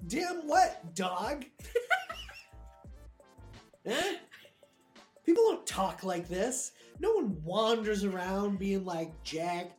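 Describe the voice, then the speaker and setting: A woman's voice: medium pitch, sing-song, drawn-out words, long pauses, a little mellow, soft background music. A woman co-hosting a comedy podcast, improvising a profane rant and often breaking into laughter. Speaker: podcast co-host.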